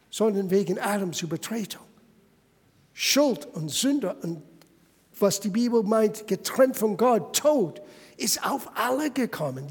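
A man's voice: high voice, breathy edge, in a large hall. A man preaching a sermon as pastor, emphatic and addressing the listeners directly.

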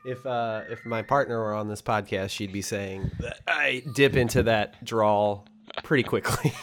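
A man on a casual fan podcast, easygoing and quick with interjections. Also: fairly low pitch, fairly bright tone, a little hiss or hum.

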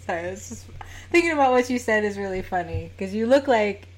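A woman with a standard American accent talks in an informal, chatty way. Her voice sits at a middling pitch, and she sounds like someone interviewing in a casual conversation. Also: animated, fast talker. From United States. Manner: informal, chatty, laughs easily while talking. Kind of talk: casual chat.

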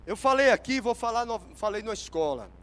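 A man preaching a sermon at a church service. He is emphatic, swinging from hushed asides to shouted exclamations. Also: sits high, lively intonation, brisk, poor audio.

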